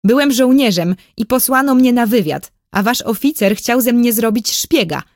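A woman's voice: a little high, normal speed, no echo, clean studio sound, close to an everyday voice. A woman reading a storybook, voicing a brave, defiant young boy soldier who talks back boldly. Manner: bold, insistent.

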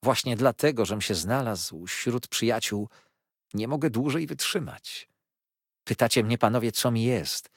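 Brief: male reader playing a pompous, overwrought gent, flowery and loud, husky edge, lively swings in pitch. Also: moderate pace, dry recording, clean studio sound. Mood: distraught. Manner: grandiloquent, flowery phrasing; emotional outbursts. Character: pompous, tearful, florid middle-aged gentleman.

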